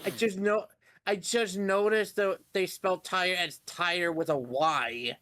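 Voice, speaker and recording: A man's voice: high voice, fairly even intonation, slow pace, bright, forceful tone. A man streaming a game and chatting casually, often restarting his sentences. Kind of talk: casual gaming chat.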